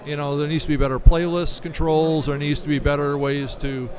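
At an indoor convention expo booth, with a crowd audible behind him, a middle-aged podcast business manager answers interview questions explanatorily, frequently adding "right?". His voice runs on the high side, level in tone and fairly quick. He uses a studio microphone on a desk stand.

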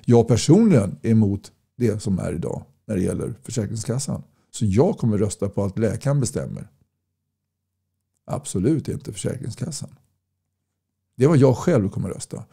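Brief: man from Sweden, low gravelly husky voice, blunt folksy campaigner talking to camera. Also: animated, dark tone. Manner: blunt, folksy, repeats points with rhetorical questions. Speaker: political campaigner. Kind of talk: casual direct-to-camera talk reading viewer comments.

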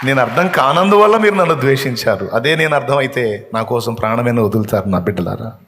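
A man preaching a sermon, impassioned, climbing to emotional peaks and then dropping to a soft voice. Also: mid-range voice, expressive, quick pace. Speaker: pastor. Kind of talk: Telugu sermon with told stories. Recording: long hall reverb.

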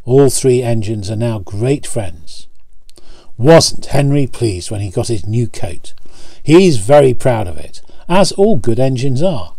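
A pastor reading a children's picture book aloud, with gentle asides to the listener. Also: male voice, medium pitch, very animated, takes it slowly, vocal fry, no echo.

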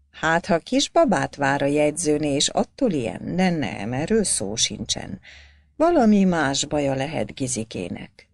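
Low gravelly woman narrating an audiobook. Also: darkish tone, no echo.

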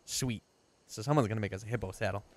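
A man's voice: on the low side, quick pace, slight background noise. Chatty man commenting on his gameplay. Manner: chatty, excitable, talks to viewers and game animals. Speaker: gameplay streamer.

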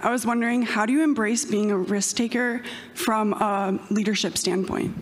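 A woman's voice: mid-range voice, steady tone, moderate pace, a little hiss or hum. A woman in the audience politely asking the speaker a question. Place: large conference hall. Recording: distant voice in a reverberant hall.

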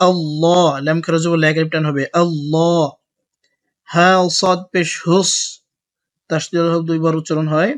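A man's voice: fairly high pitch, little pitch movement. Man teaching Quran letter by letter. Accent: Bangladeshi Bengali. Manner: slow, drawn-out recitation alternating with brisk explanation. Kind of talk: spelling-out Quran lesson.

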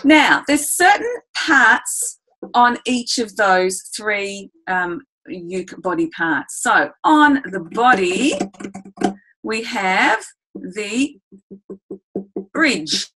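A woman's voice: medium pitch, big pitch swings, drawn-out words, pushed and bright, husky, rough recording. A woman teaching a ukulele webinar, chatty and enthusiastic, showing the instrument as she explains. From Australia. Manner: enthusiastic, chatty, addresses listeners as "guys"; demonstrates on the ukulele while talking. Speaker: music educator.

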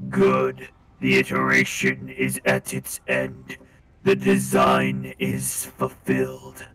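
Deep, slow robotic tech-priest, broken and cryptic. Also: male voice, expressive, gravelly, music in the background, heavily acted. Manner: slow, solemn, cryptic intoning. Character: tortured, delirious male tech-priest with a cryptic machine voice. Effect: robot voice changer.

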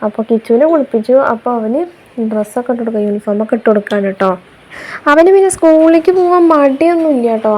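A young mother from Kerala, narrating her daily chores in a chatty voice-over. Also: on the high side. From Kerala, India. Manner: chatty, tags sentences with a soft "you know". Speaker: vlogger mother. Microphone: voice-over recorded separately.

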